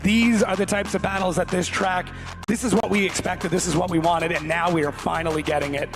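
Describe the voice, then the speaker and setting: A man's voice: sits high, fairly even intonation, a little fast, music in the background. A man giving live colour commentary on motorsport, emphatic and explanatory.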